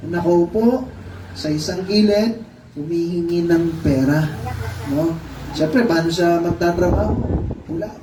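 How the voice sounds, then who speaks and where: A man's voice: sits high, warm tone. A man with a Filipino accent preaching a sermon to a congregation, questioning them and acting out the blind man's cries. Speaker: pastor. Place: church hall. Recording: echoey room, far from mic, noisy.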